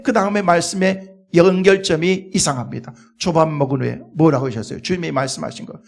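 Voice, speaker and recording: Male pastor with a high, gravelly voice; animated sermon, acts out the dialogue. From Korea. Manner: animated storytelling, acting out dialogue. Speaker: senior pastor.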